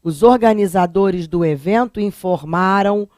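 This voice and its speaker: A woman's voice: medium pitch, a little slow, no echo, clean studio sound, soft background music. A woman from Rio de Janeiro with a carioca accent, teaching a Portuguese exam-prep lesson and talking straight to her students, stretching words out to show how they sound. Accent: Carioca Brazilian Portuguese. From Rio de Janeiro, Brazil. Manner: lively, talks straight to students, drawls words out to show pronunciation.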